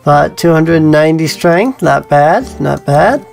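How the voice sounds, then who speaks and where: Slow, casual game commentator over music. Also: medium pitch, expressive, vocal fry. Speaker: let's play host. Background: video game music with plucked guitar.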